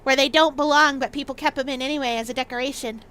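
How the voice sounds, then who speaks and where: A woman livestreamer chatting playfully in an excitable, bouncy way, often repeating words for emphasis. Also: sits high, fast.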